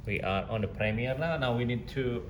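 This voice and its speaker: Here a mid-pitched man speaks a little fast, showing how to use audio digitisation software in a casual, step-by-step way. His instructional session is recorded in a noisy room with a strong echo.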